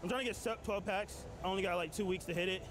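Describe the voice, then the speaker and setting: A man's voice: high-pitched, fast, background noise. A man on a prank video, acting out a clueless, whiny gym-goer as he talks to strangers in a gym. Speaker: prank YouTuber. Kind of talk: in-character prank talk. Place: indoor gym.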